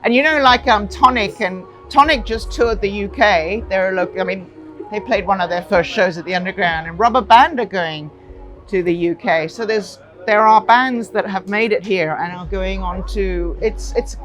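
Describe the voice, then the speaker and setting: A woman's voice: medium pitch, normal speed, a bit bright, soft background music, low-quality recording. A woman in her forties from Hong Kong, talking chattily in an interview, laughing often and searching for words. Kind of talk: casual interview.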